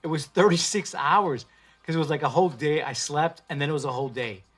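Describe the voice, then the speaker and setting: A man hosting a casual livestream, talking in a profane, slangy and animated way into a phone. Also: fairly high pitch, brisk, husky. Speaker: livestream host.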